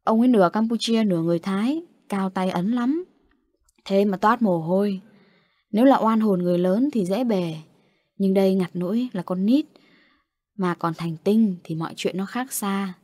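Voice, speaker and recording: A woman's voice: mid-range voice, moderate pace, darkish tone, no echo, clean studio sound, natural voice. A woman voicing a stern, grieving old grandfather in an audio story, speaking in a solemn tone.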